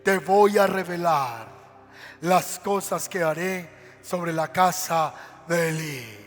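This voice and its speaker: Preacher guy doing god's voice, big and slow and deep, echoing through a hall with faint music. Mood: solemn. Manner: slow, solemn, calling out. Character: the Lord's deep booming voice from above.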